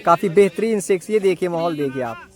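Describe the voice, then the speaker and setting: A man commentates live on cricket in an excited style. His voice sits high for a male, and he announces each ball as it comes, leaning on familiar stock phrases. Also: brisk.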